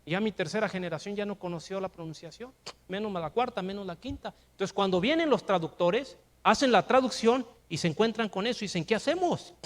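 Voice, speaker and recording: An older man preaching a sermon in a Mexican accent, emphatic, with rhetorical questions and rising to shouts. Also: sits high, fairly quick. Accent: Mexican Spanish. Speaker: pastor.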